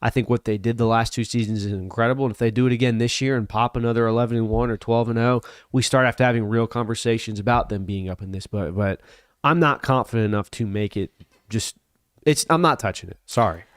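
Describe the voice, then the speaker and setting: A man co-hosting a college football podcast, giving careful, measured opinions. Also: medium pitch, steady tone, smooth, no echo, studio quality. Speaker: co-host. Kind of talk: casual sports podcast chat.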